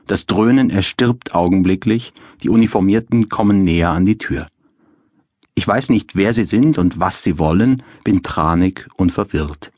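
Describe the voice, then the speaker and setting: Male author-narrator, wry deadpan storytelling; low, husky, close dry studio sound. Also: moderate pace, dry recording. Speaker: author reading his own novel. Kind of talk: audiobook narration.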